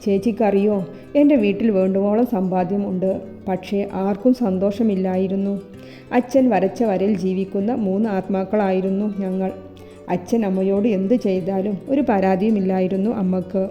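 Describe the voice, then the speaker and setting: A woman narrating a romantic audio novel, reading every character's lines in a steady storytelling voice. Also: mid-range voice, normal speed, dull audio. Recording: long hall reverb with soft instrumental music.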